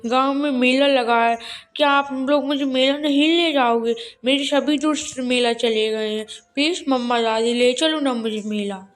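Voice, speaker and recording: A woman's voice: high voice, natural voice. Woman doing a whiny little village boy. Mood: pleading. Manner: pleading, raised and quick.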